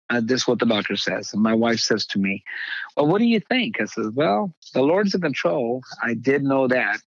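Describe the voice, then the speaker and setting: An older man, a pastor, telling a personal testimony in halting conversational speech, acting out the voices he quotes. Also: medium pitch, fairly bright tone, no echo, lo-fi sound. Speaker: pastor, guest.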